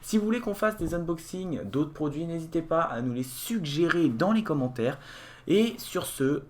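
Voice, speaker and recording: A man's voice: fairly high pitch, lively intonation, moderate pace, slight background noise. A man giving a casual unboxing walkthrough of a gadget, explaining as he clicks through settings, with frequent hesitations and restarts. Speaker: tech reviewer.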